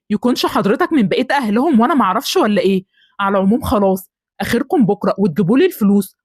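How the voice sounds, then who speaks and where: A woman with an Egyptian accent voicing an angry middle-aged man who is a bullying neighbor in an animated story, scornful and threatening. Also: medium pitch, slightly rough, no room sound, studio quality. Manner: shouting threats, fast and scornful.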